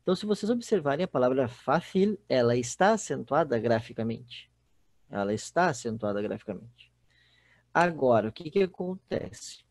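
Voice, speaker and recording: A man's voice: medium pitch, lively intonation, normal speed, a little mellow, dry recording. A man with a Brazilian Portuguese accent teaching a recorded online class, explaining step by step and often checking in with the students. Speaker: Spanish teacher.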